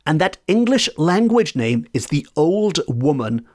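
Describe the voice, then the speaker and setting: A Welsh man who speaks Welsh hosts a folklore podcast from his home in a residential area. His voice is on the high side and unhurried, and he tells the tale in a lively, animated way with playful asides.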